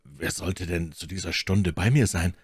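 A man voicing a phlegmatic musketeer who speaks quietly and measuredly. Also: sits low, normal speed, slightly rough, no room sound, studio quality. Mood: hushed. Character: calm, phlegmatic older musketeer, low and hushed.

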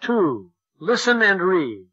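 A slow, bright-voiced man reading a textbook. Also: high-pitched, sing-song, husky, dull audio. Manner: slow, deliberate, over-articulated delivery for learners. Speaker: textbook audio narrator.

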